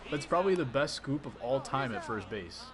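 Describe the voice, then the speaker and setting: With a crowd audible behind him, a man chats with his stream viewers and answers their messages while playing and commentating on a baseball video game. His medium-pitched voice is sing-song and brisk.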